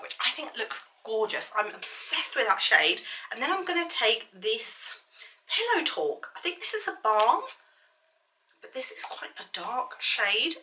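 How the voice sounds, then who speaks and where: Bright-voiced woman with a slight lisp. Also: fairly high pitch, rough recording. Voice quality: slight lisp on s sounds from dental aligners. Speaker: beauty vlogger. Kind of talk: casual chatty makeup tutorial.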